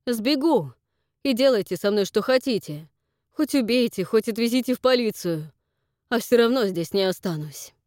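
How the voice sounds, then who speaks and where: A man's voice: extremely high pitch, lively intonation, moderate pace, darkish tone, dry recording, studio quality, voice pushed up. A woman reading an audiobook, voicing a frightened, paranoid middle-aged father who talks in frantic, pleading outbursts. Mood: grim agitated. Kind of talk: audiobook character voice.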